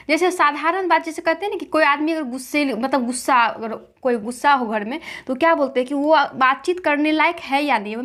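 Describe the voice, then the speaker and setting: A woman's voice: high-pitched, fairly bright tone. A woman teaching a lesson with memory tricks, asking questions and answering them herself, repeating key points.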